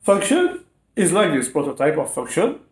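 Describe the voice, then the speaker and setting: A man tutoring programming in an echoey room, with a fairly high, very animated voice. He uses non-native English phrasing and dictates code piece by piece, punctuated by short check-in questions. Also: moderate pace. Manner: frequent rising check-in questions. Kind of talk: step-by-step coding lesson, spelling out code aloud.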